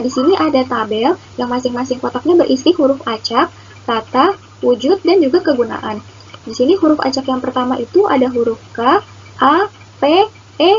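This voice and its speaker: A young woman narrating a children's lesson as a teacher, in a sing-song way as if reading to a toddler. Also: high voice. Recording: muffled lo-fi recording, faint noise.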